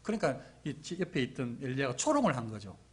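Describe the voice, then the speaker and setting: A middle-aged man preaching a sermon as pastor, telling the story with lively acted-out quotes. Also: medium pitch, fast talker, husky.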